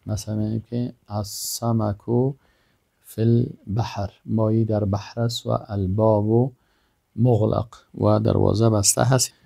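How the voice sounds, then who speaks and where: A man teaching Arabic vocabulary, saying each word slowly and then giving its meaning. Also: fairly low pitch, level tone, gravelly, warm tone. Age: older.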